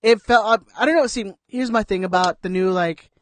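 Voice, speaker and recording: A man with a notably high voice rambles through casual podcast talk, piling on "like" and "dude" as he goes. The sound is close and dry. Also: a little fast, fairly bright tone, no room sound. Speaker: podcast co-host. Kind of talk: casual chat.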